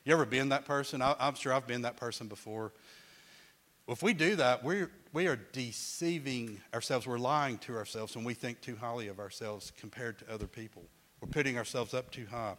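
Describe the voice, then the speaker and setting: A man's voice: medium pitch, fairly quick, a bit bright. Man teaching a Bible class, conversational. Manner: conversational, repeats words as he restarts, asks the class questions.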